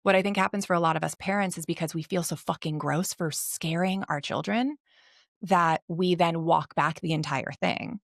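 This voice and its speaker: Woman, 30s, mental health coach; candid, swears freely, low gravelly tone, dry close sound. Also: normal speed, no room sound. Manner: reflective, earnest. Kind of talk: podcast interview.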